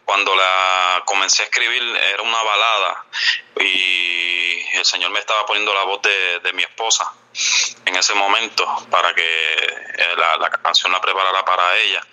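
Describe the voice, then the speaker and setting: A man with a very low voice and a strikingly bright, forceful tone talks about his worship songs. His voice sounds smooth and resonant, and he drops in amens and fillers as he talks. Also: little pitch movement, moderate pace, rough recording. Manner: devout, answers with amens and filler words. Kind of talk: interview answers.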